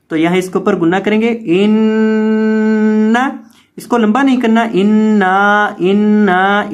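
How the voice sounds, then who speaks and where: Very slow, drilling male Quran teacher. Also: high voice. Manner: spells out letters and vowel marks, drilling words slowly; repeats each word several times for learners. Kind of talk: tajweed pronunciation lesson.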